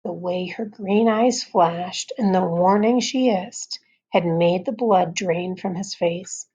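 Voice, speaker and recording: A woman teacher reading a chapter book aloud, pausing to comment on the characters. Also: on the low side, warm tone, slightly rough. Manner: slow, pauses to comment on the story.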